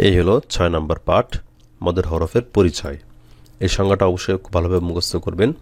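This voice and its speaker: A man teaching Quran reading, slowly spelling out Arabic letters and drilling the long vowels with patient repetition. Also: sits low, steady tone, darkish tone, no echo.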